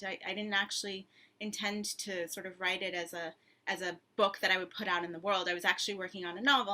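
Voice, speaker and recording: A woman's voice: mid-range voice, bright, forceful tone. A woman author in her thirties answering at length in a thoughtful, conversational way, with frequent ums and restarts. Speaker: author and guest.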